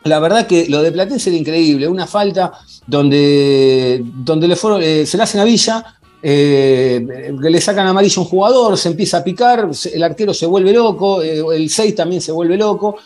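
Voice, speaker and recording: A man with an Argentine accent hosting a football podcast in a conversational, halting way, often repeating himself. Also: fairly high pitch, lively intonation, a little mellow. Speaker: sports podcast host. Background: faint music.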